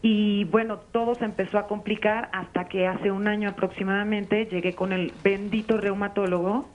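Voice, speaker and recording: A woman's voice: medium pitch, little pitch movement, moderate pace, a little hiss or hum. A woman, calling in live to a radio show and describing her experience at length, with frequent hesitations. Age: 40s. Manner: long, earnest account with many hesitations. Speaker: caller. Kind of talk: live call-in testimony. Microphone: telephone. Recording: phone line, muffled.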